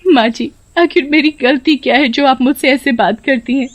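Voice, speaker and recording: A woman's voice: sits high, normal speed, voice pushed up. A woman voicing a poor, mistreated young village bride who pleads and weeps. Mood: pleading. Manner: pleading, weepy. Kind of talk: storybook voice acting.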